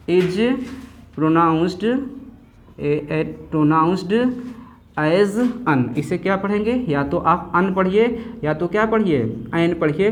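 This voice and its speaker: A man's voice: sits high, a little hiss or hum. A man teaching a grammar lesson to students in a classroom. He speaks, keeps asking the students questions, answers them himself and repeats the key words. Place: classroom with a board.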